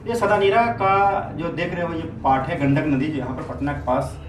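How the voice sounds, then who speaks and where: High-voiced male teacher in an echoey classroom. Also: fairly even intonation. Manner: keeps checking understanding with quick questions; repeats key terms for emphasis. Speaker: history teacher. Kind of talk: classroom lecture. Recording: echoey room, mic at a distance, faint noise.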